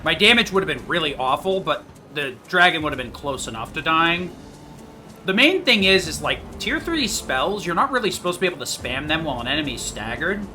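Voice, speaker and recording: A man's voice: fairly high pitch, big pitch swings, a little fast, bright, forceful tone, faint music behind. A man giving casual, rambling, matter-of-fact commentary on his own speedrun, picking at his own mistakes. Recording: clearly noisy home gaming recording.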